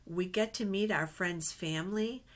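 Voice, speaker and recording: A middle-aged woman reads picture books aloud to children as a Bible storyteller, adding chatty asides and gentle, simple questions in child-directed phrasing. Her voice is on the low side and her speed normal, picked up by a webcam at desk distance in a small indoor office.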